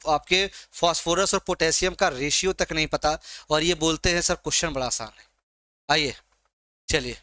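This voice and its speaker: A man's voice: on the high side, sharp tone, no echo. A man teaching a live online exam-prep class, coaxing and teasing his students by name as he quizzes them.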